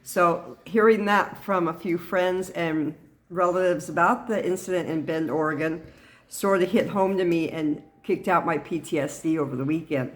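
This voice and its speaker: Earnest, halting middle-aged woman. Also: fairly low pitch. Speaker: vlogger sharing personal experience. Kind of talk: personal talk to camera.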